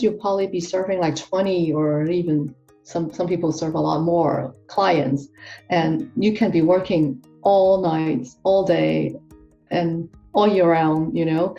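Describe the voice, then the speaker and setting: Faint music plays behind a woman from Hong Kong, a guest tax professional, as she gives casual interview answers in a chatty, relaxed way, full of fillers and restarts and correcting herself. Her slightly low voice sounds mellow, and the recording is dull and muffled from some distance off the mic.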